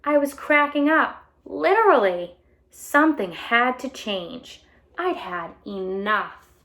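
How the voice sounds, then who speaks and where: A woman voicing an earnest, eager, slightly anxious egg in a children's storybook, with expressive, emphatic delivery and drawn-out key words. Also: fairly high pitch, exaggerated voice. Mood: worried, exasperated. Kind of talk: children's storybook read-aloud.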